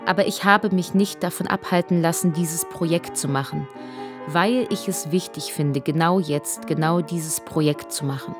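A woman's voice: lowish voice, normal speed, over music. A woman in her twenties telling her family history in a chatty, rambling monologue, often correcting herself. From Germany. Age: 20s. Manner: chatty, rambling, self-interrupting. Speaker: narrator and performer. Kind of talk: documentary stage monologue.

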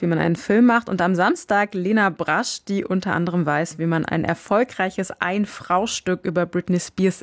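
A woman radio host asking measured, friendly questions and announcing the program. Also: lowish voice, no room sound, studio quality.

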